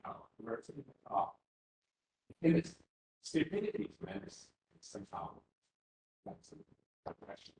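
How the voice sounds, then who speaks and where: With a somewhat high, sing-song and warm voice, a man from Finland presents an academic workshop talk in a university seminar room. He's unhurried, with vocal fry, long pauses, and many fillers and restarts, and the roomy hall carries a faint ambience.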